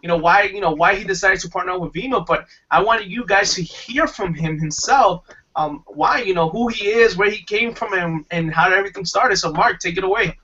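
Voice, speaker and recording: A man's voice: high voice, brisk, sharp tone, slightly rough, far from the mic, lo-fi sound. A man hosting a webinar, talking enthusiastically in a rambling way with restarts. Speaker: webinar host. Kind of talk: casual pitch talk.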